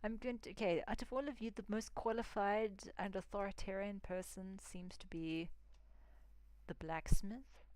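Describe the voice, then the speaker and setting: A woman's voice: medium pitch, steady tone, normal speed, darkish tone, no room sound. A young woman chatting casually as she plays a video game, often dropping into whispered asides. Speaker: gaming streamer. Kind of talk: casual gameplay commentary.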